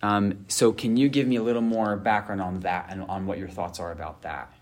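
A man's voice: lowish voice, steady tone, brisk. A man hosting a casual discussion as a therapist, earnest and full of fillers and restarts. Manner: earnest, many fillers and restarts, acts out couples' voices. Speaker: host and therapist.

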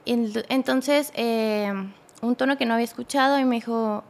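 A young woman with a Mexican accent, a podcast guest telling a personal story in a halting way with many restarts. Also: fairly high pitch, steady tone.

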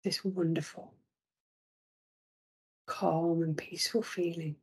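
Woman, meditation guide: very slow, husky and breathy, soft whispered delivery, slightly low. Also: steady tone. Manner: slow, soothing, drifting into whispers.

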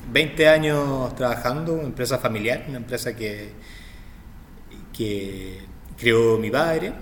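A middle-aged man with a Chilean accent, appearing as an interview guest, speaks in a mid-range voice, hesitant and reflective with frequent restarts. The recording has a big-room sound and a slight hiss or hum.

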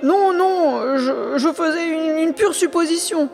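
A woman voicing an excitable, impatient old male professor who exclaims and stammers, reading a storybook aloud. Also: very high-pitched, slow, gravelly, faint music behind, voice pushed up, heavily acted. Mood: flustered. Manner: exclamatory, stammering when caught out.

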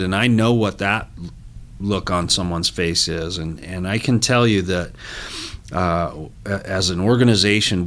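A man speaking as an interview guest, a business executive talking earnestly and haltingly with frequent restarts. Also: low voice, a bit bright. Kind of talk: interview talk.

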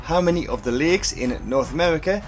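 Faint music plays behind a man with a slightly high voice who hosts a podcast quiz. Upbeat and encouraging, he reads the scripted clues and answers slowly and clearly.

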